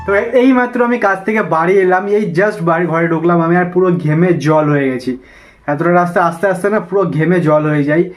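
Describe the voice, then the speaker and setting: A man's voice: high voice, fast talker, soft background music. A young man from Bengal chatting casually to his viewers in a daily vlog. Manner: chatty, addresses viewers directly. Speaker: vlogger.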